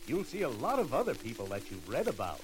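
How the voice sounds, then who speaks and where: A man's voice: wildly swooping pitch, quick pace, slight background noise, rough recording. Merry old King Cole. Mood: jovial. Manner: hearty, booming, laughing. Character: jolly old fairytale king, merry and welcoming. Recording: old record with music behind.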